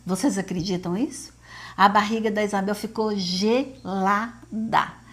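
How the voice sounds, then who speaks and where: A woman's voice: mid-range voice, fairly even intonation, fairly quick. A Brazilian woman telling of her faith as a mother, in an earnest, repetitive way that speaks straight to listeners. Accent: Brazilian Portuguese. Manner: earnest, addresses listeners as "gente", many fillers and repetitions. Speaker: mother giving testimony. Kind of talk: emotional faith testimony.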